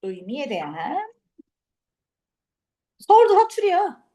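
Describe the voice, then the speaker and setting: A woman's voice: high-pitched, wildly swooping pitch, slow, mellow. A young woman teaching an English class, lecturing casually and quizzing her students.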